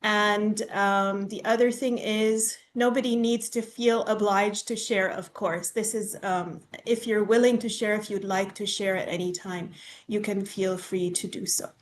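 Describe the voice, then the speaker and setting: A Tanzanian woman, a university instructor, facilitates an online workshop from home or an office over a video call, captured on her computer mic. Her medium-pitched voice stays fairly even at a measured pace as she walks through the plan in a friendly, organized manner, often saying "um" and "okay."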